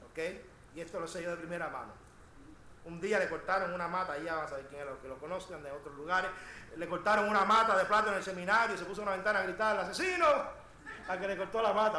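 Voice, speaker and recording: Male pastor, passionate sermon delivery, high, bright tone, echoey sanctuary. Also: slight background noise. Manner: impassioned, swings from quiet asides to shouted emphasis. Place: church sanctuary. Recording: echoey church room.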